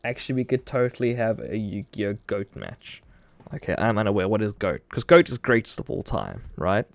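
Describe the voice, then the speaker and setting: A man's voice: lowish voice, sing-song, normal speed, vocal fry, dry recording. A man chatting casually on a live stream, telling loose, profane stories and acting out what people said. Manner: loose, profane storytelling with acted-out quotes.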